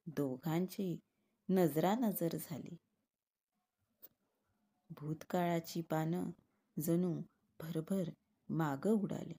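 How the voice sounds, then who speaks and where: Slow, mellow woman storyteller. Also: lowish voice. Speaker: narrator. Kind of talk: serialized audio story narration.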